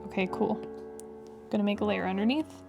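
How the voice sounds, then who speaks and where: A woman talks through a drawing tutorial in a casual, rambling way with wry asides. Her voice is fairly low for a woman and full of creaky vocal fry. Piano music plays clearly behind her. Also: a little fast. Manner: chatty, wry asides with frequent "like". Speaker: digital artist narrating a drawing tutorial.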